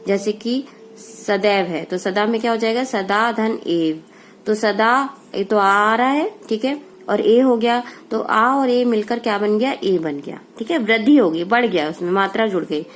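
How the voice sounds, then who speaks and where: A woman's voice: medium pitch, moderate pace. A woman teacher giving a grammar lesson, asking questions and answering them herself, with a faint hiss behind her.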